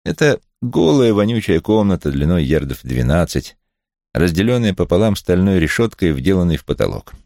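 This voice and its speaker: A man's voice: sits low, big pitch swings, normal speed, warm tone, no echo, clean studio sound. A man reading a detective novel aloud as a wry first-person narrator. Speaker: audiobook reader.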